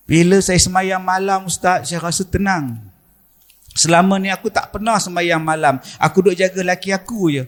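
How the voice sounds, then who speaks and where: Malaysian preacher guy, middle-aged, pretty high voice, acts out all the characters in his stories. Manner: animated storytelling, acting out voices of people in his stories. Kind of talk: sermon. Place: mosque.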